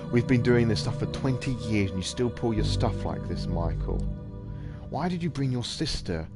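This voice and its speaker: A man's voice: medium pitch, lively intonation, moderate pace, lightly acted. A man voicing an exasperated older man with a Midwestern accent, weary of a long-running argument. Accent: Midwestern American. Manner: weary, bickering. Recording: music playing behind.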